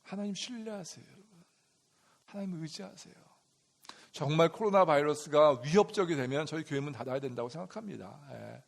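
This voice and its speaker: A man's voice: fairly high pitch, expressive, a little fast, creaky. A middle-aged man, a pastor, preaching a sermon. He keeps asking the congregation questions, answers them himself, and acts out the sounds in the story. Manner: calls out loudly to stress a point.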